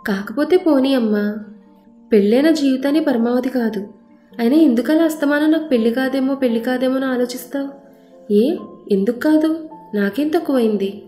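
Angry young heroine, indignant retorts, a woman narrator doing her, mellow tone, roomy echo. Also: high-pitched, normal speed, pauses often, faint music behind, close to an everyday voice. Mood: pleading.

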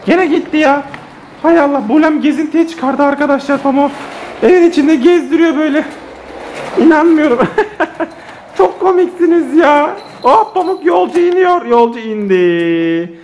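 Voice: sits high, normal speed, darkish tone, slight background noise. A woman chatting playfully to viewers and children in a casual family vlog, recorded inside a home. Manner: playful, teasing, talks to viewers and kids. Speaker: family vlogger.

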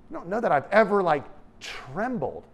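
A middle-aged male pastor delivers a sermon in a church hall, speaking into a headset mic. His voice sits a bit high for a man, and he is animated, jumping from loud, emphatic lines to soft, hushed asides. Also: normal speed, creaky, slightly rough.

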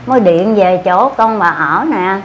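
A woman's voice: medium pitch, measured pace, a little hiss or hum. An older woman with a Southern Vietnamese accent, recounting an event in a rambling, repetitive way with many fillers. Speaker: interviewee. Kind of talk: casual storytelling.

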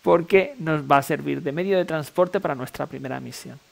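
A man's voice: fairly high pitch, fairly quick, gravelly. A man with a Castilian Spanish accent giving casual gameplay commentary, informal and thinking aloud. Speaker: video game player and commentator. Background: game music.

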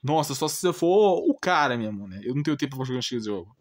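Talking fast with lively intonation, this mid-range-voiced man, a gaming channel host with a Brazilian Portuguese accent, delivers a blunt, informal rant. Exasperation shows as he repeats himself and asks rhetorical questions.

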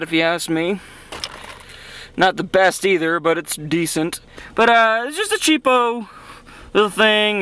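A young man in his late teens, a hobbyist vlogger, gives a casual, unscripted hands-on demo of his CB radio from inside a car in an outdoor parking area. His voice sits high and sounds bright, forceful, clear and resonant. It's captured on a handheld camera's built-in mic, so the audio is noisy and carries vehicle ambience.

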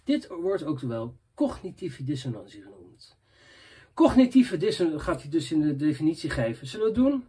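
A man's voice: a little high, very animated, normal speed, warm tone, slightly rough. A young man vlogging and answering viewer messages in loose, rambling casual chat, often dropping filler tags.

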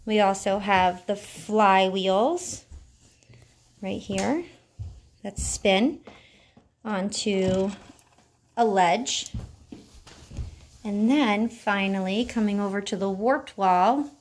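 Mom narrating a living-room tour on a handheld camera, slow and easy, a touch of faint noise behind. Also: female voice, mid-range voice. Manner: unhurried, cheerful tour-guide talk. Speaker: parent filming a tour. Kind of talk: casual home video narration.

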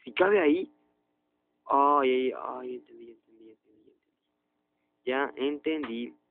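A young man chatters through a video game, his voice shooting up into loud, high yelps of surprise. His pitch sits in the middle for a man. The audio is tinny and narrow, like a phone line. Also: unhurried, a little hiss or hum. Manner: excitable, jumps to loud high outbursts. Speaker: gaming youtuber. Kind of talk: let's play commentary.

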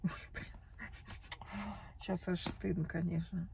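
A woman in her forties, upset and still tearful from crying, vents about her bad day in a confessional vlog shot on her phone camera at arm's length inside her parked car. She speaks unhurriedly in a lowish, level voice with vocal fry, and background noise runs underneath.

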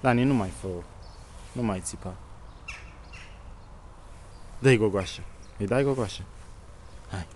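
A man filming a casual walk outdoors with his small child, softly coaxing and calling to a shy dog. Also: fairly low pitch, long pauses, a little hiss or hum. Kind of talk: casual vlog talk.

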